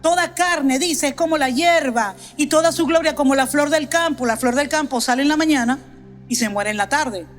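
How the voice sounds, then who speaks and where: High-voiced woman pastor preaching. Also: normal speed, long reverb tail, faint music behind. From Venezuela. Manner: preaching with rising emphatic declarations, then dropping to quiet asides. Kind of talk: sermon. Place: church sanctuary.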